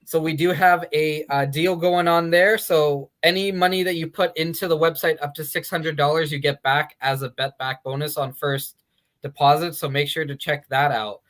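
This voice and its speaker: Higher-voiced man hosting a betting show. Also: fairly even intonation, a bit bright. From Canada. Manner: halting, many uh fillers and restarts. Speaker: sports betting show host. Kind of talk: casual podcast chat.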